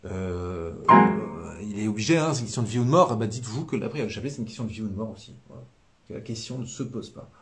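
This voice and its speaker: A man's voice: on the low side, animated, fast, faint music behind. A man with a Southern French accent giving a casual spiritual talk, rambling and hesitant, full of fillers and repeated words. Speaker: religious brother giving a live talk.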